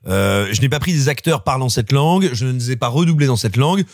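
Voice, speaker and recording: A man's voice: medium pitch, lively intonation, no room sound, clean studio sound. A man discussing a film in casual conversation, analytical and earnest. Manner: analytical, earnest, quick-talking. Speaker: film critic. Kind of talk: casual film review chat.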